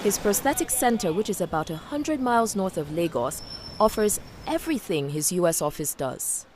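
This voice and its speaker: Lively-pitched female documentary narrator. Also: normal speed, a little hiss or hum. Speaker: narrator, reporter. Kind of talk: scripted news feature narration.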